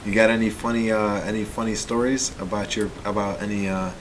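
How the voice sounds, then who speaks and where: Brief: late-20s male podcast co-host, low-pitched, relaxed chat, faint rumble behind. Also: brisk. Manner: easygoing, laughs often, reads sponsor plugs. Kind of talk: casual chat.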